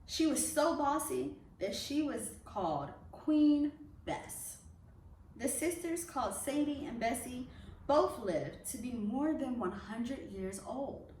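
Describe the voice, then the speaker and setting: A lively, high-voiced woman, the club president hosting a children's reading series, takes it slowly as she gives a welcome speech and reads a storybook aloud for children. The room is echoey, the mic is distant, and there's background noise.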